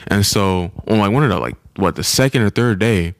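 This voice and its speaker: Young male podcast host, a touch low-pitched, who tells lively stories in a casual chat. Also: fairly quick. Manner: animated storytelling, acts out voices of people he met.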